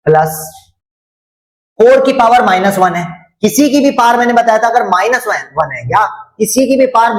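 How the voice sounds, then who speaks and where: A man teaching a maths lesson online, repeating each step, quizzing his students and teasing them. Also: very high voice. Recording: roomy echo.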